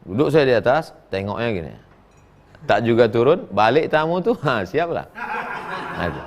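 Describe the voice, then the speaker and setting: A middle-aged man preaching, reading listeners' questions and answering them in a folksy, joking way, his voice swinging between high and low as he acts out quotes. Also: very animated, normal speed, lo-fi sound. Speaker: Islamic preacher. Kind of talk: sermon answering read-out questions.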